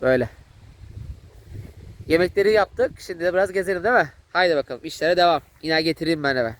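A man, vlogging outdoors in a village and excitedly calling to a dog. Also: on the high side, fast talker. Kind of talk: casual vlog commentary.

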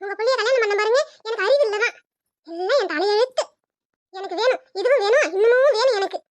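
A woman's voice: very high voice, fast, no echo. A woman voicing a melodramatic, self-pitying daughter-in-law with a Tirunelveli Tamil accent. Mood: wailing. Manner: melodramatic, wailing.

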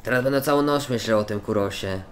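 A man's voice: on the low side, fast, background noise. A man in a game roleplay, talking in a mocking, crude, rambling way. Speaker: roleplay player. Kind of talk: in-character game roleplay banter.

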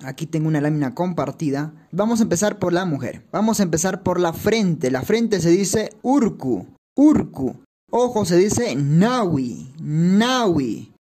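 A woman with a Peruvian Spanish accent hosting a language lesson, calmly saying each word and then repeating it slowly. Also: fairly low pitch, breathy edge. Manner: calm, deliberate, repeats each word twice. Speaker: language teacher, channel host.

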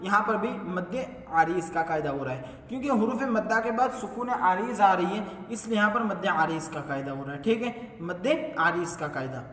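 A man's voice: high voice, animated, moderate pace, few pauses, a bit bright, a little hiss or hum. A man teaching a step-by-step recitation lesson, who asks himself questions and then answers them. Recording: echoey hall, mic far off.

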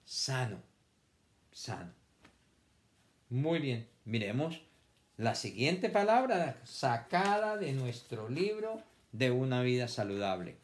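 A man's voice: mid-range voice, very animated, takes it slowly, pauses often. A man teaching a children's vocabulary lesson, stretching words out syllable by syllable and repeating them for the class to copy.

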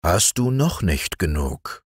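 A man doing the gentle old moon, deep and calm. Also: takes it slowly, breathy edge, no echo, studio quality, exaggerated voice. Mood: mild. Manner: gentle, mildly chiding.

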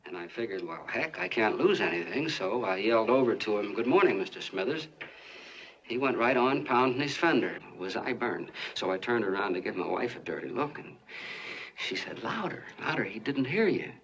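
An actor playing a folksy small-town soda jerk who tells a long, earnest, rambling story in 1940s film style. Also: male voice, fairly low pitch, very animated, moderate pace, a bit bright. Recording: muffled, hissy 1940s film soundtrack.

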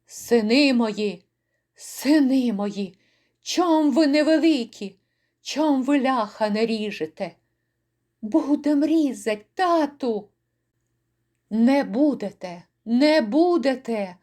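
Here is a grief-crazed Cossack father, torn between fury and despair, as a woman puts him on in a poetry reading. His cries come high and slow, each word stretched out in anguish. The lament swells loud and raw. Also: lively intonation, exaggerated voice. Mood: grieving. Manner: anguished shouting and lament, drawn out. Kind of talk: dramatic poetry recital.

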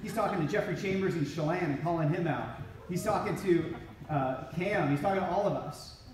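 A man's voice: fairly high pitch, a little fast, distant mic, slight background noise. A middle-aged man giving an inspirational talk to a conference crowd, storytelling and acting out quoted lines with energy. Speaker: regional ministry director. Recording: echoey hall from off-mic.

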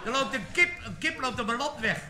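Animated joke-telling man, echoey vinyl. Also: very high-pitched, fairly quick, over a noisy crowd, very noisy. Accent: Amsterdam. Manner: animated, laughing often, switching into character voices. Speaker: comedian telling jokes. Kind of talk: stand-up joke telling on a live record. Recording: echoey 1950s vinyl recording.

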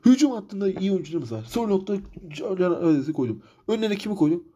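A man's voice: high-pitched, very animated, fast, dark tone, dull audio. A man commentating his football manager game career, frustrated and ranting, repeating himself. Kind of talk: let's-play commentary.

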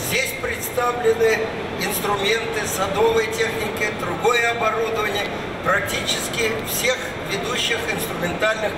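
A man with a high voice speaks in a measured way, with a few hesitations, about the event. He is recorded from afar in a large hall with long, roomy reverb and loud background noise. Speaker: interviewed industry speaker. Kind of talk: unscripted interview comment. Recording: echoey hall, mic far off, loud noise.

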